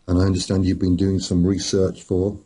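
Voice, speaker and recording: A middle-aged man, an author, chatting casually in a slow, rambling, storytelling way with a chuckle here and there. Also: monotone, mellow, poor audio. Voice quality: very deep gravelly voice. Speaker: author and podcast guest. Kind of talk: casual chat.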